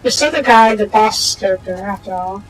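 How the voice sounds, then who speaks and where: Woman, game streamer, casual thinking-aloud commentary, mid-pitched voice, faint music behind. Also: expressive, normal speed, rough recording. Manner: chatty, thinking aloud, stumbling over read-out text.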